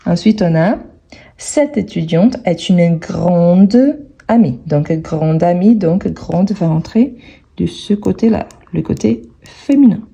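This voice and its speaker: A woman teaching French grammar, speaking slowly and carefully and repeating each word several times as she explains an exercise. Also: fairly low pitch, expressive, creaky, mellow, husky, highs cut off. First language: Portuguese.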